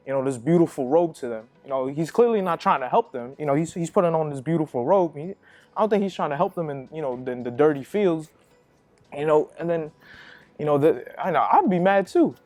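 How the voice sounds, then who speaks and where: A man's voice: on the high side, a little mellow, no room sound. A young man giving a casual youth sermon, rambling and packing his talk with filler words. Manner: rambling, heavy with "you know" fillers. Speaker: youth minister.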